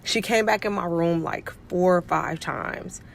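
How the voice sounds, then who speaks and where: Chatty woman with a lowish voice. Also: measured pace, vocal fry, a little hiss or hum. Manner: chatty, acts out quoted dialogue. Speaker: pediatric nurse and life coach. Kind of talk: casual storytelling to camera.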